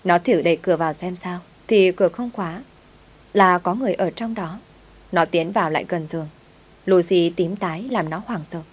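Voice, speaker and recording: A woman narrating a romance story, with steady, even storytelling. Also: lowish voice, moderate pace.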